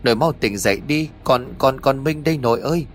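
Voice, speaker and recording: A man's voice: mid-range voice, fairly quick, soft background music, voice pushed up, lightly acted. A man voicing an anxious, easily flustered young man in a ghost story, stammering and pleading. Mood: panicked.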